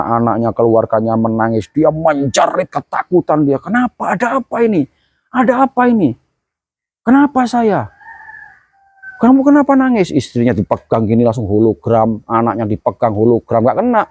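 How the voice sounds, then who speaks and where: A man delivers a religious sermon, painting scenes dramatically and filling pauses with thoughtful hums. His voice sits at an ordinary male pitch. The sound is dry and close. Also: dark tone, no room sound. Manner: vivid storytelling, dramatic, with many hums. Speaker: religious teacher.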